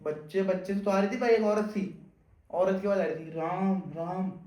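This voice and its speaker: A young man calmly recounting a spooky night in a casual podcast chat. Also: high-pitched, a little fast, echoey room. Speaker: podcast guest.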